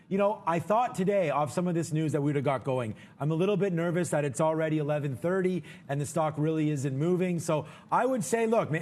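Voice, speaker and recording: A man with a fairly high pitch and darkish tone co-hosts a live trading show. He gives casual market commentary directly to viewers in an informal, chatty way.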